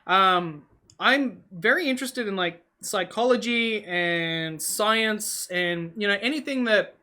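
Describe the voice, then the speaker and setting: In a slow, mid-range voice with a bright, forceful tone, a vlogger whose first language is Hungarian chats casually to camera between bites. The talk is a loose, musing ramble, heavy on fillers and self-corrections.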